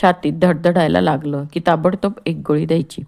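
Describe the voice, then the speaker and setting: A male doctor firmly lectures his patient about rest, as a woman reads his lines in an audiobook play. The voice is low, gravelly and mellow. His tone is steady and admonishing. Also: brisk. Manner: firm, admonishing. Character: calm male doctor, firm, reassuring.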